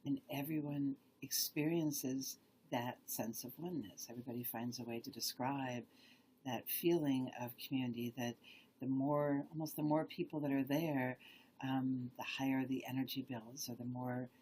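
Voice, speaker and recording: A woman guest in an interview, speaking softly and reflectively about spiritual matters, often dropping to a near whisper. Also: extremely low pitch, steady tone, slight background noise. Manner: soft, often drops to a whisper, gentle and unhurried. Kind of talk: slow reflective spiritual talk.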